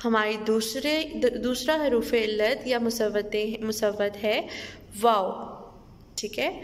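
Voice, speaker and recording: A woman's voice: fairly high pitch, in a large hall. A woman teacher, patiently teaching young children, often asking the class questions and checking they follow.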